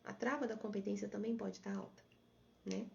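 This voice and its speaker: Husky-voiced woman therapist live. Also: mid-range voice, fairly even intonation, brisk, darkish tone, lo-fi sound, slight background noise. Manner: explanatory, reads and answers viewer comments. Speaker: therapist hosting a live stream. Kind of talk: live stream talk to viewers.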